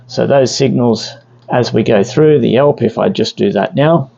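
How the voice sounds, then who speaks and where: The instructor speaks in a mid-range, creaky, mellow voice at a moderate pace, and the highs are cut off in the audio. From inside a vessel, he explains a piece of equipment in a plain, methodical, step-by-step hands-on demonstration.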